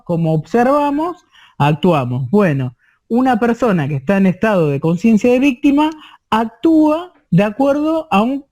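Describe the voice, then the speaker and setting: A man with an Argentine Spanish accent teaching an online course, explaining slowly with many repetitions and checking in with his listeners. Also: sits high, dark tone. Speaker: course instructor.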